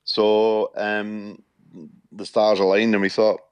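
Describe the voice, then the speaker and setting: A man in his fifties from Shetland with a Shetland Scottish accent, chatting as a radio interview guest in a halting way, often repeating words. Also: fairly low pitch, flat delivery, clean tone, no echo. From Shetland, Scotland. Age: 50s.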